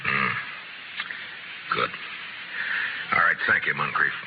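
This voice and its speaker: An actor playing a stern frontier marshal in an old-time radio western, speaking in a clipped, matter-of-fact way. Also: male voice, rumbling low, takes it slowly, gravelly, full character voice. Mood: probing. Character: stern, terse frontier marshal, steady and unbending. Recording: dull, very noisy old radio recording.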